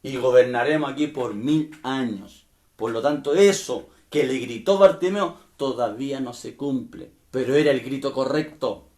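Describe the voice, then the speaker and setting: A man preaching a sermon as pastor, swinging between emphatic bursts and quieter asides and often turning to question his listeners directly. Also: medium pitch, normal speed.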